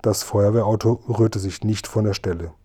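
A man narrating a children's storybook in a steady storytelling cadence. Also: lowish voice, moderate pace, slightly rough. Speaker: audiobook narrator.

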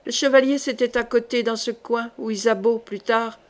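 A woman reading a historical novel aloud in a measured, clear audiobook style. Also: fairly high pitch, steady tone. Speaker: audiobook reader.

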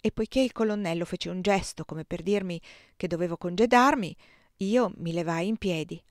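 A woman reading a novel aloud as an audiobook, narrating in the first person at a calm, measured pace. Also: fairly low pitch, no echo, clean studio sound. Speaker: audiobook reader.

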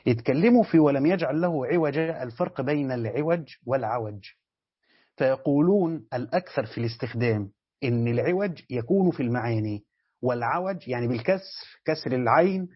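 A man's voice: medium pitch, slightly rough. A man with an Egyptian Arabic accent, a sheikh teaching a Quran commentary class who explains step by step and keeps checking that his students follow. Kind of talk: classroom lesson. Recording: dull lo-fi lecture recording.

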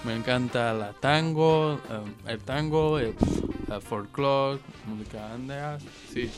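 Slow Spanish-speaking man with an English accent. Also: mid-range voice. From England. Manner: hesitant, simple phrasing. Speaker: radio guest, music producer. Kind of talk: casual interview in halting Spanish. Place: radio studio, at a microphone. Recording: music playing behind the voice.

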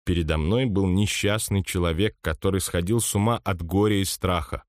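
Low-voiced male audiobook narrator. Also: moderate pace, dry recording, clean studio sound. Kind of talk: scripted first-person narration.

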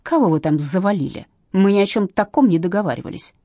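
A woman voicing a nervous woman driver in dark glasses who snaps back tensely. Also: medium pitch, lively intonation, fast, dry recording, clean studio sound. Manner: tense, sharp retorts.

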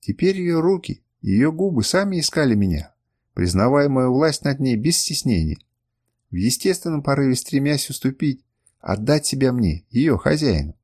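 A male narrator reading a first-person adventure audiobook. He speaks at a middle pitch with a lively, varied melody and a measured delivery.

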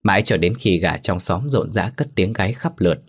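A man narrating a ghost story in a steady, solemn manner. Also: deep voice, a little fast, slightly rough.

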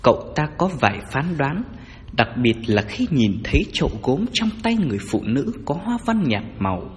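A man reads a story aloud in an expressive, dramatic style, his mid-pitched voice swinging widely. A faint, long reverb trails his words. A light hiss sits underneath. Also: moderate pace. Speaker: narrator. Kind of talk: scripted audiobook narration.

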